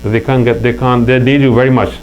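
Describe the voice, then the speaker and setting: The highs are cut off in this clip, and a faint mains hum lingers. A middle-aged Pakistani man with a Pakistani accent speaks briskly as a casual interview guest, his mid-range voice slightly mellow and flat in delivery. He shares earnest anecdotes with frequent restarts.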